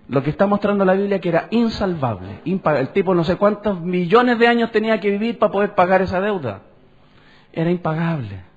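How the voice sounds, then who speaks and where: Male pastor, high, animated, questioning sermon, dull lo-fi sound. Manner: conversational preaching, asks the congregation questions. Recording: dull lo-fi church recording.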